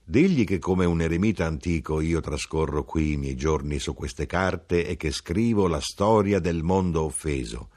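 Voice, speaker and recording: A man's voice: extremely low pitch, moderate pace, hardly any pauses, a little mellow. A man voicing a small, sorrowful old hermit who writes about the world's pain, speaking solemnly in an audiobook. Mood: solemn lament. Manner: solemn, grieving, preaching. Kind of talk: audiobook reading.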